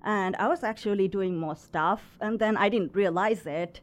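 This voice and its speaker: A woman's voice: mid-range voice, fairly quick. A woman from Sri Lanka in her thirties, talking about her craft business as a guest, with many fillers and small laughs. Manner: chatty, many fillers, laughs between phrases. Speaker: guest, resin artist and small business owner. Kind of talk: casual interview conversation.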